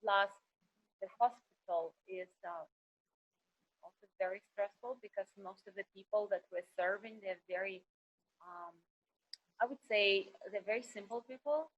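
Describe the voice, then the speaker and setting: A middle-aged woman from Kazakhstan, a doctor speaking over a video call, halting and searching for words with many fillers. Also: medium pitch. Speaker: emergency doctor, guest. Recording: dull, lo-fi internet call audio.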